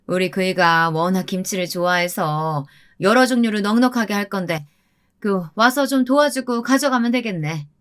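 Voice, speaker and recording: A woman's voice: medium pitch, moderate pace, clear, resonant tone, lightly acted. Woman playing a haughty executive's wife. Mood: condescending. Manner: calm, lofty, talks down casually.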